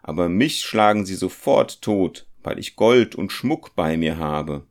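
A man's voice: low voice, animated, unhurried. A man voicing a fearful young male goldsmith, pleading and stubborn, in a spoken storybook.

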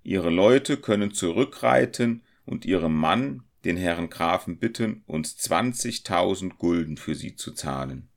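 A man reading aloud, voicing a robber leader who bargains with loud threats. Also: deep voice, animated, unhurried, vocal fry, hardly any pauses, heavily acted. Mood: menacing. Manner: forceful, threatening.

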